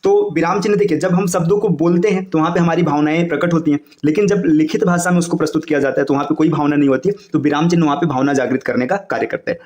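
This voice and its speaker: A man teaching Hindi grammar for exam coaching, explaining fast and checking in with "है ना" and "देखिए". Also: on the high side, steady tone, darkish tone, reverberant.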